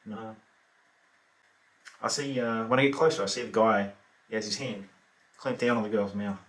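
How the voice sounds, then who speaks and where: A man's voice: fairly low pitch, fairly even intonation, normal speed, fairly bright tone, far from the mic, close to an everyday voice. An Australian actor performing a monologue as a remorseless, lazy male killer, talking in an offhand, laconic way full of fillers. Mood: offhand calm. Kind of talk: theatrical monologue. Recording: roomy echo.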